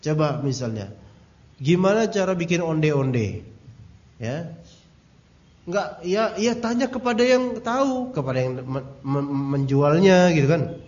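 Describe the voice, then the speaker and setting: A man's voice: on the high side, very animated, unhurried, pauses often, a little mellow. A man teaching a religious study lecture in a casual, joking way, telling anecdotes and speaking directly to his audience. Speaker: Islamic teacher. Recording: dull lo-fi recording.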